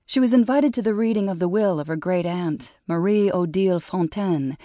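A woman narrating an audiobook in a measured, steady way, recorded close on a studio mic. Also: lowish voice, no room sound. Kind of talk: scripted narration.

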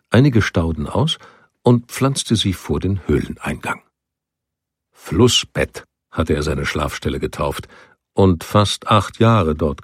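A man narrating an audiobook in a calm, measured storytelling manner. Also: low voice, slightly rough, dry recording, studio quality. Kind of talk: scripted narration.

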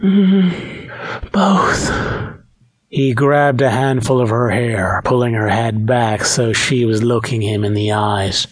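A man reading a romance audiobook aloud, in a steady, measured narration. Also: medium pitch. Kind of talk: scripted narration.

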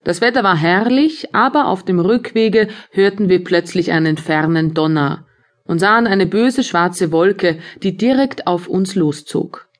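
A woman narrating an audiobook of a classic story in a calm, measured way. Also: lowish voice. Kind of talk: scripted literary narration.

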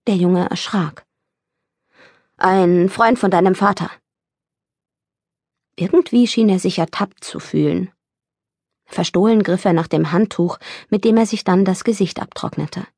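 Lady reading a novel aloud, measured pace, lowish voice, dry studio mic. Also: creaky, mellow, slightly rough, no echo. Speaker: audiobook narrator. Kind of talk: scripted narration. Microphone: studio microphone, close.

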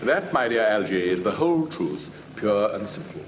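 An actor playing an indignant, earnest and evasive young English gentleman with an upper-class accent and lofty, clipped diction in a classic stage comedy. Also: fairly low pitch, big pitch swings, normal speed. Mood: lofty explaining. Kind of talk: classic stage comedy audio drama, old-fashioned acting. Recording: old recording with faint hiss.

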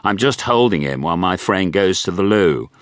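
A man's voice: deep voice, lively intonation, moderate pace, no room sound, studio quality. A man doing a suave posh actor. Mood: breezy. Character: suave posh middle-aged male actor.

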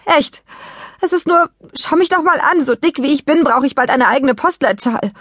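A woman voicing a hot-tempered, heavily pregnant mother who bursts out loudly in exasperation, in an audiobook. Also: sits high, normal speed, no room sound, studio quality, voice pushed up. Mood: exasperated. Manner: loud, exasperated outbursts. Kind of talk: audiobook character voice.

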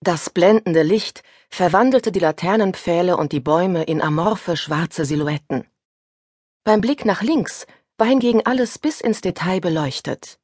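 A woman reading a first-person suspense audiobook aloud, with a husky voice that turns tense and breathless in the panic passages. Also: fairly low pitch, darkish tone, dry recording, clean studio sound. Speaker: audiobook narrator. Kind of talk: scripted first-person narration.

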